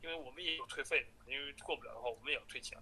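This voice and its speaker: Fast-talking man on a phone call, bright voice. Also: mid-range voice. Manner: halting and repetitive, stammering over words. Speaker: immigration and study-abroad agent. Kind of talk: business phone call, explaining and reassuring a client. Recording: noisy recorded phone call.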